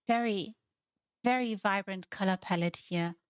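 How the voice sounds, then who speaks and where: A woman hosting a tour of a game house, gushing with lavish praise at a slow, deliberate pace and sometimes slipping into playful baby-talk. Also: medium pitch, smooth, dry recording, lo-fi sound. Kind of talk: casual tour commentary.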